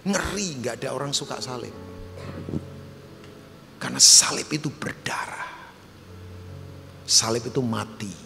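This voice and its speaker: A man pastor preaching a sermon in a church, animated and emphatic, joking with the congregation. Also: mid-range voice, measured pace, gravelly, long pauses, soft background music. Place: church hall. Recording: live church hall with long reverb.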